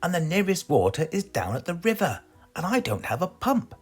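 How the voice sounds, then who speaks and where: A man's voice: sits high, big pitch swings, normal speed, breathy edge, soft background music, pitched above the performer's own voice, heavily acted. A British man voicing an earnest, easily flustered farmer in a children's storybook. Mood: worried, perplexed. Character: worried, perplexed, grateful male storybook farmer.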